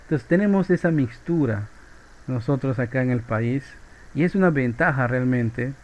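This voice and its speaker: A man's voice: mid-range voice, lively intonation, normal speed, darkish tone, low-quality recording. A man with a Peruvian accent teaching a physics class in a loose, chatty way, often ending phrases with a questioning tag. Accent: Peruvian Spanish. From Peru. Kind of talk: informal classroom lecture.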